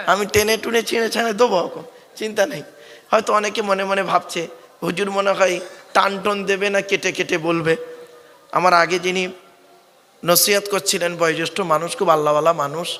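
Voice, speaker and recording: A man's voice: high-pitched, pushed and bright, big-room sound. A man from West Bengal with a South 24 Parganas Bengali accent, preaching a sermon at a religious gathering in a fatherly, coaxing way and calling on the crowd to answer back. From West Bengal, India. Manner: fatherly, coaxing, often calls listeners "bap" and asks them to answer back.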